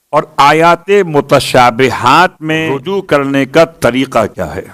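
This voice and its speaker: A man's voice: mid-range voice, fairly bright tone. A man giving a religious sermon, asking questions and answering them himself and reciting Arabic verses with rising emphasis. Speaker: Shia preacher.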